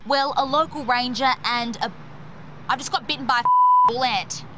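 A woman's voice: sits high, moderate pace. A young woman news reporter speaking outdoors into a handheld mic. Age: young adult. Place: outdoors near a road. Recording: loud outdoor noise, bleeps.

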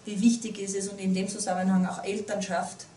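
A woman's voice: mid-range voice, flat delivery, brisk, dark tone, a little hiss or hum. A woman in her thirties with an Upper Austrian accent gives an earnest talk to a small group, often restarting her sentences. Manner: earnest, with many restarts and fillers. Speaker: guest speaker. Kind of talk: public talk. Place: small meeting room. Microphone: far camera. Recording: roomy, distant camera audio.

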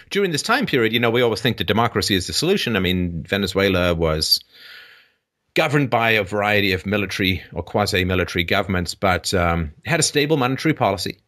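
A man hosting a call-in show, explaining at length in a conversational way, often pausing with ums and restarting phrases. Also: fairly low pitch, fairly bright tone. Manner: hesitant, frequent ums and restarts.

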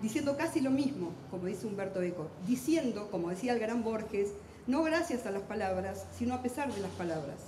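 Fast, intense Argentine woman in an echoey hall. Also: medium pitch, lively intonation, noisy background. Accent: Argentine Spanish. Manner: talks fast and intensely, self-deprecating humor. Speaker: literary translator on a panel. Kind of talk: lively public talk at a book fair. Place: large hall at a book fair. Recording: echoey hall with long reverb.

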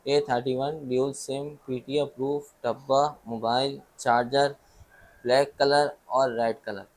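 A man with a Pakistani Urdu accent, pitching phones from his mobile shop, listing specs and prices and checking "okay?" as he goes. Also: little pitch movement, a little mellow. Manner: brisk, lists specs, repeats "okay?" to check understanding. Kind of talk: sales pitch to camera.

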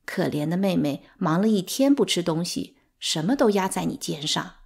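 A woman's voice: on the low side, lively intonation, normal speed, creaky, a little mellow, slightly rough, full character voice. A woman voicing a cheerful, chatty aunt of the household in a storybook reading.

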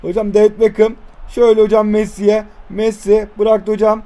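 A man in his twenties giving excitable live commentary over a football video game, cursing and shouting at the players. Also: high-pitched, normal speed. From Turkey. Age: 20s. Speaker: gaming YouTuber.

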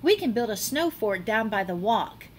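In a small indoor classroom, a middle-aged woman with a fairly high voice reads a children's picture book aloud the way a teacher would. Her delivery is animated and dramatic, full of expression and drawn-out words. A faint hiss or hum sits under the recording.

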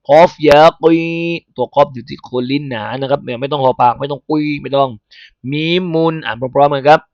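A man with a Thai accent teaching Quran recitation, chanting letters slowly in a melody and explaining pronunciation in a lesson. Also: mid-range voice, dry recording. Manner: slow melodic spelling chant, then brisk explanation. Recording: dull lo-fi sound.

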